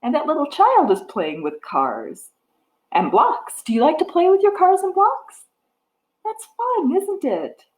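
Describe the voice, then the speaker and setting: High sing-songy lady reading to a toddler, takes it slow, asks little questions. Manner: animated, sing-song, simple questions to small children. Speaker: children's storytime host. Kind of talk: reading a picture book aloud to toddlers, with sing-along and chat. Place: wood-floored living room with a piano, indoors. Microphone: webcam or device mic at about arm's length. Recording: echoey room, device microphone.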